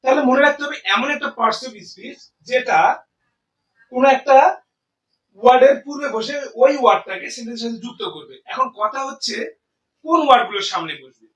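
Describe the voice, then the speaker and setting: High-voiced man teaching grammar. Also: fairly bright tone, reverberant, recorded from a distance, low-quality recording. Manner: explains slowly, asks and answers own questions, often says "ঠিক আছে". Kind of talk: classroom lecture in Bengali and English.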